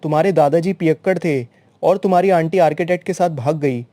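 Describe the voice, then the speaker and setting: Man reading as a gruff, proud old father. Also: a little high, a little fast, mellow, no room sound, natural voice. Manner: gruff, dismissive.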